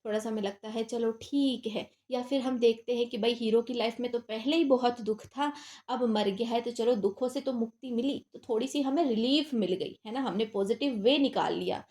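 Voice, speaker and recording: A woman's voice: a little high, moderate pace, a little mellow. A young woman teaching literature terms in a casual exam-prep lecture, talking conversationally and asking and answering her own questions.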